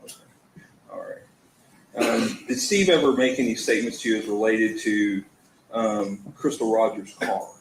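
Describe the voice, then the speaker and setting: A man in a courtroom recording, an attorney questioning a witness, halting with frequent ums and restarts. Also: fairly low pitch. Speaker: prosecuting attorney. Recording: echoey courtroom with faint hiss.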